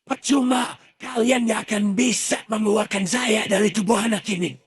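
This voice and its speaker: A man's voice: sits high, steady tone, moderate pace, slightly rough, no echo, clean studio sound, faint music behind, pitched above the performer's own voice. A man voicing an arrogant jinn that possesses a young woman, taunting and defiant in a retold ghost story. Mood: commanding.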